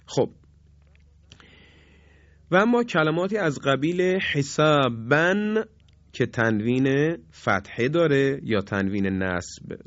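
A man teaching a Quran recitation lesson, drawing out each example word slowly in chant between plain explanations. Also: mid-range voice, no echo, dull audio. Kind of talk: recorded tajweed lesson.

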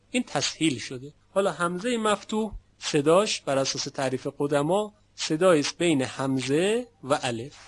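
A man with a fairly high voice gives a classroom lecture on Quran recitation. He patiently explains each point and draws out sample words as he demonstrates them.

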